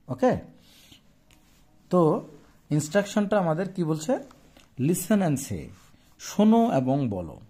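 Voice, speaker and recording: Slow, patient male teacher. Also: mid-range voice, mellow. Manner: slow, patient, repeats words and spells them out; mixes Bengali explanation with English phrases. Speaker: English teacher. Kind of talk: classroom lesson explaining a textbook page.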